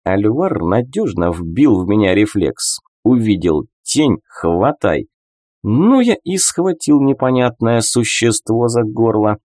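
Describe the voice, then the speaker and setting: A man narrating a first-person audiobook in an expressive storytelling manner. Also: on the low side, slow pace, no echo, clean studio sound.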